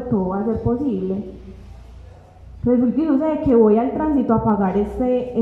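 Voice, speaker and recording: A young woman telling a personal faith testimony with emotion, acting out the dialogue as she goes. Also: a little high. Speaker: testimony giver. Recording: echoey hall, tinny phone-like sound.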